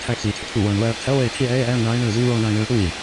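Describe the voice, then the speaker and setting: A man's voice: medium pitch, steady tone, fast, close to an everyday voice. A man playing an airline pilot over the radio, speaking in clipped procedural phraseology. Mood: businesslike. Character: brisk male airline pilot calling air traffic control. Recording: hissy radio with engine-like noise.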